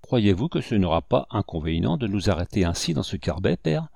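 A man's voice: on the low side, very animated, brisk, vocal fry, dark tone, no echo, heavily acted. A proud young lady snaps with impatience, played by a man reading a novel aloud, curt and a little embarrassed. The reading is dry and close. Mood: impatient. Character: proud, flustered young noblewoman.

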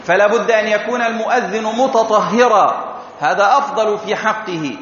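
A man's voice: high voice, normal speed, a bit bright, a little hiss or hum. A man preaching a Friday sermon, teaching in a didactic way and demonstrating how phrases of the call to prayer are spoken, recorded in a mosque. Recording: echoey hall, dull lo-fi.

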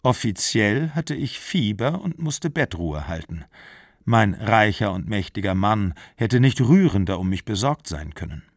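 A man's voice: fairly low pitch, very animated, unhurried, no room sound, clean studio sound, exaggerated voice. A man reading a desperate, haunted young mother. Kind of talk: literary audiobook reading.

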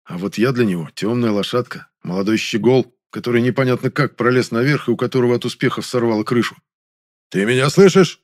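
A man reading a first-person audiobook in a measured, even storytelling manner. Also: medium pitch. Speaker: audiobook narrator.

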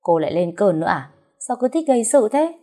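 A woman's voice: lowish voice, expressive, moderate pace, mellow. A woman voicing a stubborn, angry young man who speaks curtly and defiantly. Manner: curt and defiant.

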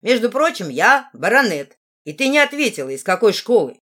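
A woman's voice: a little high, sing-song, normal speed, a bit bright. A woman voicing a cocky red-haired teenage boy who talks in a brash, cheeky way.

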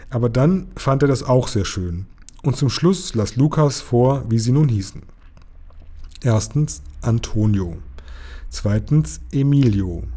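A man reading a children's storybook aloud to young listeners, relaxed and unhurried. His voice is mellow and warm at a middle pitch, and he now and then breaks off for a casual aside. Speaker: reader of a children's book.

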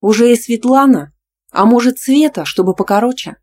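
A woman voicing a jealous, hot-tempered young student who snaps back in sharp retorts. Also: medium pitch, fairly quick, a little hiss or hum, lightly acted. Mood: snapping.

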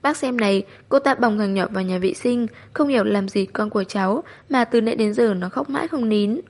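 A woman reading the part of an angry young stepmother, with a sharp, scolding delivery. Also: medium pitch, fairly quick, lightly acted. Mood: accusing.

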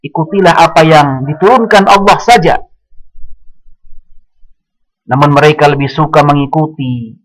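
Guy giving a religious lecture, kinda high voice, slow and measured, drops into arabic quotes. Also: poor audio. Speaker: Islamic teacher.

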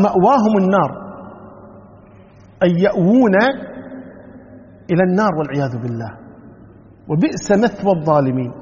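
A man's voice: sits high, a little mellow. A man preaching an Islamic sermon, explaining Quran verses word by word and repeating key phrases, in a lo-fi recording from a hall. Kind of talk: Quran tafsir lesson. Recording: dull lo-fi recording with hall reverb.

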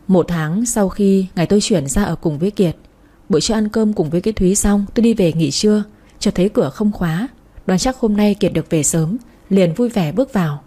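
Woman, story narrator, husky mellow voice, intimate delivery. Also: mid-range voice. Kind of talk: first-person story reading.

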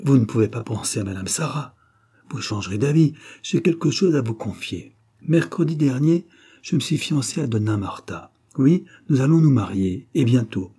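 A man's voice: medium pitch, animated, moderate pace, warm tone, slightly rough, pitched above the performer's own voice. A man voicing a weak, agitated young male professor in a storybook reading. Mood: fervent. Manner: feverish, irritated.

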